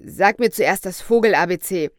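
A woman's voice: mid-range voice, moderate pace, dry recording, studio quality, close to an everyday voice. A woman voicing a kindly, eager male doctor in a storybook reading, speaking earnestly. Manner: earnest, excitable.

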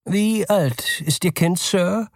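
A man's voice: dry recording, studio quality, full character voice. A man reading aloud, voicing a polite and curious male shop salesman in a raised, fussy voice. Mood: polite puzzled. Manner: high, slow, politely puzzled.

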